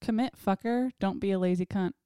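A woman's voice: mid-range voice, brisk, warm tone, clear, resonant tone, no room sound, clean studio sound. A woman in her thirties co-hosting a podcast, bantering bluntly and laughing often. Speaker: podcast co-host. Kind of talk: casual chat.

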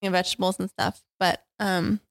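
A woman in her thirties co-hosting a podcast, chatting warmly and affectionately with lots of giggles. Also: mid-range voice, level tone, a little fast, gravelly, no echo, studio quality. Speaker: podcast co-host. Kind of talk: casual family chat.

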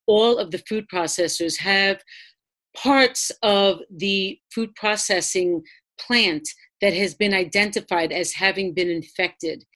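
A woman's voice: medium pitch, slow, a bit bright. A woman labor activist speaking earnestly and steadily in an interview. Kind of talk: interview statement.

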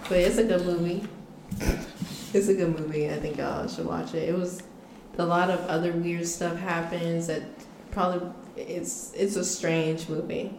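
A woman's voice: on the low side, steady tone, normal speed. A young woman with a Charleston, South Carolina accent, chatting casually in a playful, colloquial way. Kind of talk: casual group chat. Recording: echoey room with clear background noise.

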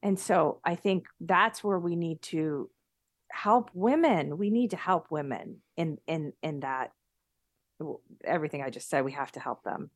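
A woman's voice: low voice, unhurried, no room sound, studio quality. A middle-aged woman talking earnestly in a conversational interview over a remote call, often restarting her sentences. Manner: earnest, animated, many restarts. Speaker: guest.

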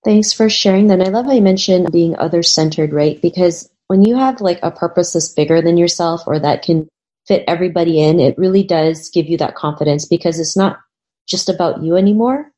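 A woman's voice: on the low side, brisk, mellow. A woman hosting an interview podcast, who keeps thanking and affirming her guest. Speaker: podcast host.

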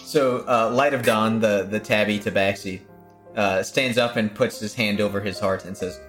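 A man's voice: lowish voice, steady tone, normal speed, a bit bright, faint music behind. A man narrating his character and chatting casually during a tabletop role-playing game.

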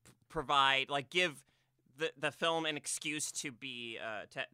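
A man with a very bright, crisp voice, talking casually about a movie. He is animated and full of fillers and restarts, and his voice is recorded dry, with no room sound. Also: medium pitch, a little slow, no echo. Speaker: podcast co-host. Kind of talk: casual film discussion.

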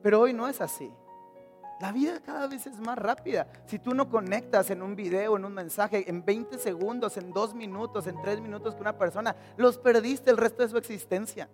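A man's voice: sits high, normal speed, soft background music. A man preaching a sermon at a church service, energetically questioning the congregation and joking with them. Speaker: pastor.

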